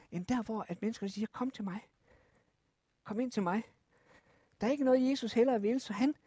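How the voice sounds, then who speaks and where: Preacher, Bible story for children, lively, asks questions, dry sound. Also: mid-range voice, breathy edge, dry recording.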